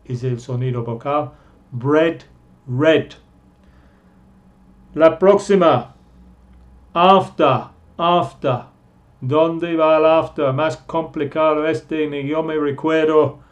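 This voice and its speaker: A man teaching pronunciation in a slow lesson, drawing out and repeating each vowel sound. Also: a little high, steady tone, muffled recording. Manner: drawn-out, repeats sounds slowly. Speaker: English teacher.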